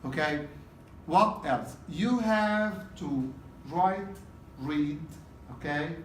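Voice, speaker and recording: A man's voice: on the high side, very slow, slight background noise. A man teaching a test-prep class in a casual lecture style, often checking in with "okay?" and repeating key points. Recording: roomy classroom from a distance.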